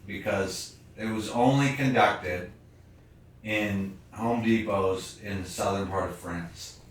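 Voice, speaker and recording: A man hosting a casual chat, joking and rambling, with bits of slow deadpan. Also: fairly low pitch. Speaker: host, camp staff member. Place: indoor room with a couch. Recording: roomy, distant mic with background noise.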